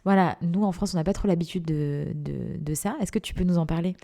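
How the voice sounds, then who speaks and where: A woman's voice: fairly low pitch, brisk, gravelly, warm tone. A woman hosting a podcast interview in a casual chat, playful and teasing, speaking straight to her listeners. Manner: playful, teasing, addresses listeners as "les gars". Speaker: podcast host.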